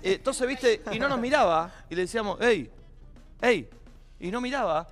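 A young Argentine man talks fast and high, with a bright, lively voice and wide swings of pitch. He keeps cutting in to set the context of a story. Faint music sits behind him. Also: long reverb tail. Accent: Argentine Spanish. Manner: interrupts to add context, many fillers. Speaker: podcast co-host. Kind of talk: casual storytelling chat.

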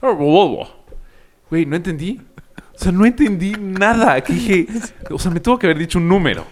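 A man's voice: high-pitched, a little fast. A man with a Mexican Spanish accent, co-hosting a podcast and telling a story in casual chat, acting out the exchanges. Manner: animated storytelling, acts out exchanges.

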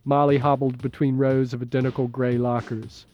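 Mellow-voiced male audiobook narrator. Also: medium pitch, flat delivery, moderate pace, dull audio, faint music behind. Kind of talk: scripted narration.

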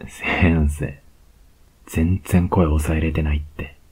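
A man's voice: rumbling low, level tone, husky, full character voice. Man playing a cocky, teasing Kansai student. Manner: slow, close, teasing murmur with soft laughs. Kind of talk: whispered role-play.

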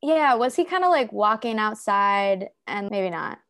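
A woman's voice: mid-range voice, expressive, unhurried, a bit bright. A woman appearing as a podcast guest, answering questions in an easygoing, giggly way. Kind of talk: casual interview chat.

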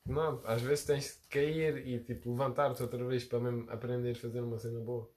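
Young man, middle pitch, informal slang, casual storytelling among friends. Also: flat delivery, a little fast, darkish tone, slight background noise. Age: young adult. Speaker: participant in a group chat.

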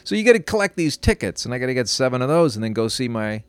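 A man telling a long story as a guest, rambling with halting restarts and swearing. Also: medium pitch, very animated, smooth, dry recording. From Canada. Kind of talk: casual storytelling.

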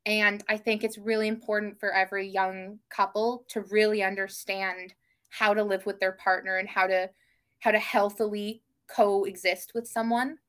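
A woman's voice: medium pitch, flat delivery, moderate pace, fairly bright tone. A young adult woman chatting as a podcast guest, enthusiastic and hesitant, with many ums and restarts. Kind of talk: casual podcast chat.

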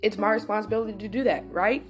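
With music in the background, a young adult female host races through a personal anecdote in a mid-range voice. She talks right to her listeners, swearing and stressing her points with animated, casual energy.

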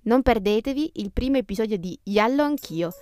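Over background guitar music, a female podcast host narrates a travel script with reflective, descriptive storytelling. Her voice runs on the high side, animated and smooth, with a darkish tone and a slightly quick pace.

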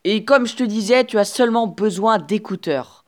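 A woman hosting a casual solo podcast, talking straight to the listener in a chatty, encouraging way with many restarts and fillers, recorded on an earphone mic. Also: medium pitch. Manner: halting, with frequent restarts and filler sounds. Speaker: podcast host. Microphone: earphone headset mic.

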